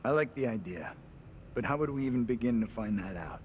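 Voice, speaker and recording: A man's voice: medium pitch, lively intonation, a little fast, natural voice. Horror game role: actor as earnest, careful man, mid register, slight atmospheric noise. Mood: cautious. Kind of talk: video game voice acting.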